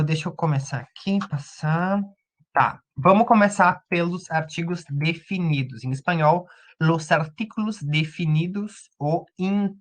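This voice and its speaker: A man's voice: on the high side, a bit bright. A man with a Brazilian Portuguese accent teaching Spanish grammar in an online lesson, explaining step by step and often checking in with the students.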